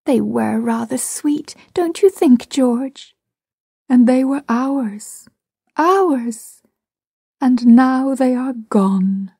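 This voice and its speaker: A woman voicing a placid, gentle Edwardian mother who speaks softly and wistfully, in a storybook reading. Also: high voice, lively intonation, a little slow, no room sound, studio quality, voice pushed up. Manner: soft, tender, wistful.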